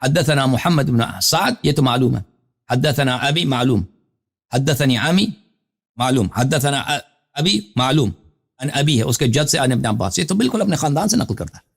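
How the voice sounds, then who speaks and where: A Shia cleric hosts a live call-in show, reading Arabic citations aloud and explaining them at length in a scholarly, lecture-like way while putting questions to the caller. His voice sits at a medium pitch, animated and with vocal fry.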